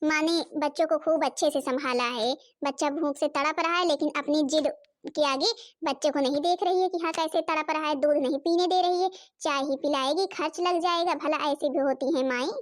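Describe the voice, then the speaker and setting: Woman doing a very high childlike cartoon voice, dramatic, scolding, wailing. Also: fairly even intonation, moderate pace. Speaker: narrator voicing all female characters. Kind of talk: Hindi cartoon voice acting.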